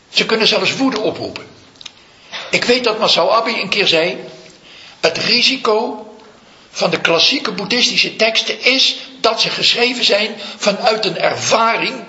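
A man, a Zen teacher, giving a slow, reflective dharma talk full of stories. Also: high voice, sharp tone. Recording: echoey room, dull lo-fi sound.

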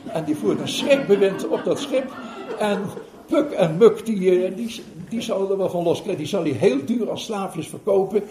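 A man's voice: high voice, moderate pace, slight background noise. Older man telling a story. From Netherlands. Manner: animated, chuckling, hesitant fillers. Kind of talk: storytelling talk to an audience. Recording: roomy hall recording.

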